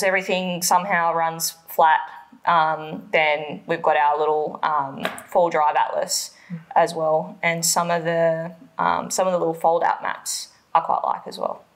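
Australian woman, thirties, lowish pitch, casual chatty explainer, home living room. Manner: chatty, lots of ums, laughs easily. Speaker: vlog co-host.

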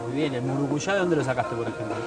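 A man's voice: medium pitch, fast talker. A man with a Rioplatense Spanish accent presenting live TV at an outdoor fair, asking a cook prompting questions in a friendly way. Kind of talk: live TV interview. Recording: voice from off the mic, music behind, outdoors.

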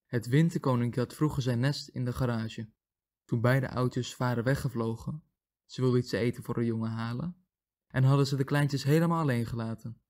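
Man calmly reading a fable aloud. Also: medium pitch, moderate pace. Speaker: language comparison reader.

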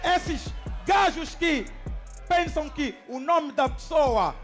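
A man's voice: very high voice, animated, slow pace, over loud music. A man with an Angolan Portuguese accent delivering boastful, half-sung battle rap verses on a club stage. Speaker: battle rapper. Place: indoor club stage with a crowd.

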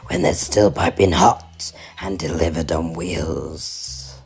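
A woman voicing a greedy, gleeful male troll in a deep growl for a read-aloud picture book. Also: steady tone, slow, heavily acted. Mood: greedy relish. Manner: gloating, relishing every word. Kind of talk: storybook reading. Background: soft music.

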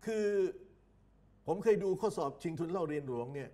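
A man giving an exam-prep grammar lecture, reading English example sentences slowly and deliberately. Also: a little high, animated, mellow. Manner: slow, deliberate, reads English examples out word by word.

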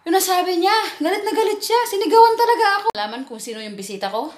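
A woman's voice: very high voice, lively intonation, very fast, a little mellow, echoey room. A woman vlogging at home, chatting to viewers in a teasing, laughing storytelling manner. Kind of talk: casual vlog talking to viewers. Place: home indoors.

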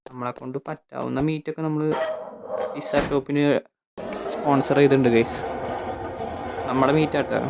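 A young man from Kerala, giving excitable casual commentary as a gaming YouTuber, shouting at the game and talking to viewers. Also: medium pitch, noisy background.

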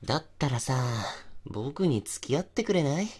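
A man playing an obsessive, possessive young stalker in an intimate ASMR voice drama, softly coaxing and teasing with menace. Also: fairly high pitch, sing-song, normal speed, slightly rough.

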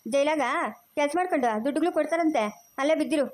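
A woman acting as an older village mother, fretful and sharp-tongued. She rattles her lines off quickly in a high voice, and she talks like a home-made family drama. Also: natural voice. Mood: scolding. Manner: scolding, fast and sharp-tongued.

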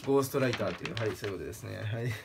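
A man casually presenting joke pictures, laughing at his own gags and jumping into a strained high voice for punchlines. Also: racing, creaky, slight background noise. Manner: laughs at his own jokes, lively pitch swings. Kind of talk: casual comedic talk with laughter.

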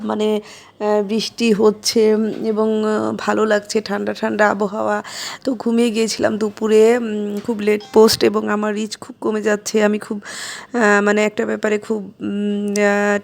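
A woman vlogger chatting casually to her followers in a hesitant, rambling, repetitive way with many filled pauses. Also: mid-range voice, gravelly, darkish tone. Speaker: social media vlogger. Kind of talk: casual chat to followers while snacking.

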